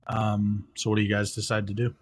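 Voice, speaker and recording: A man's voice: on the low side, monotone, a little fast, a little hiss or hum. A man narrating as game master, rambling, with many ums and restarts.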